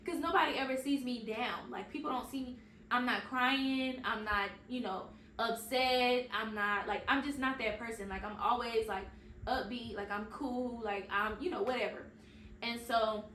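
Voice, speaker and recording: Podcast host, woman, 30s, lively storyteller, slightly high voice, echoey room recording. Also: slight background noise. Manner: chatty and animated, slangy asides to listeners. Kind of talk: casual storytelling.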